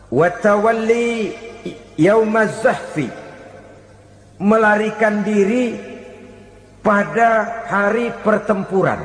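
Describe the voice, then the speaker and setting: An older Indonesian man preaching a lively sermon and acting out the people he quotes, recorded in a large hall. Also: high-pitched. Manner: animated, mimics people in quoted asides. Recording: echoey reverberant hall recording.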